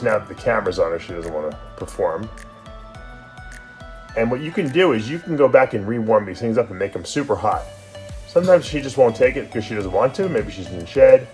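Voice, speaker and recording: A man who breeds snakes, talking casually through a feeding vlog and sometimes dropping to a hushed voice. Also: fairly low pitch. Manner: chatty, drops to a hush. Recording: background music.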